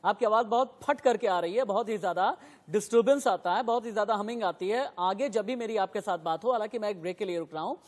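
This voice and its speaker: A man's voice: quick pace, big-room sound. A man moderating a TV news debate who firmly keeps order among his guests. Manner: firm, repeatedly tells a guest to lower his voice.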